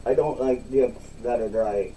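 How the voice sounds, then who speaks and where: Casting: male reviewer, very mellow dark tone, unhurried halting delivery, mic a bit far off. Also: medium pitch, a little hiss or hum. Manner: halting, repeats himself. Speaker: product reviewer. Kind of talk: casual, unscripted online review.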